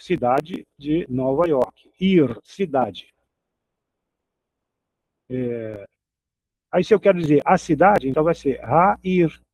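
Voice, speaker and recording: A man's voice: on the high side, a little mellow, no echo, low-quality recording. A man teaching a recorded Hebrew grammar lesson, patiently repeating each example word.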